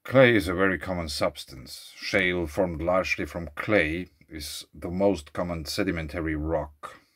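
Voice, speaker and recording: Outdoors at a lakeside beach, a Swiss vlogger with a very low voice delivers a casual, musing monologue. He reads facts and then drifts into rambling asides, thinking aloud and trailing off, at a slightly slow pace with a bit of brightness to his tone.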